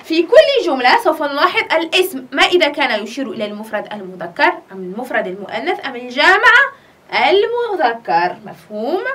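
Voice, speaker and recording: A woman teaching a primary school grammar lesson. She asks questions and answers them herself, and she draws out the example sentences slowly for dictation. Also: high-pitched, big pitch swings, a bit bright, recorded from a distance.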